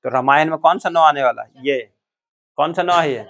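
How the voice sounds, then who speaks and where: A man teaching a classroom lesson, slightly high-voiced, who keeps asking his students questions and repeating their answers back. The recording is dull and muffled, like a cheap classroom capture. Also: moderate pace, fairly bright tone.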